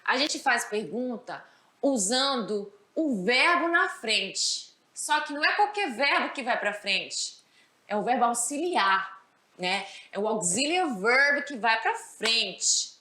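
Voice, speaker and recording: A Brazilian woman teaching English grammar, her voice high and bright. She explains patiently and keeps checking that the class follows along. The sound carries a roomy echo. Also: big pitch swings, takes it slowly. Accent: Brazilian Portuguese. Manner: explanatory, checks understanding with "certo?". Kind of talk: recorded school lesson.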